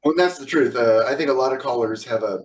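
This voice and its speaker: A man's voice: mid-range voice, quick pace, recorded from a distance, low-quality recording. A middle-aged man, a square dance caller, chatting in an interview in a blunt, joking, opinionated way. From California. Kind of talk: casual interview chat.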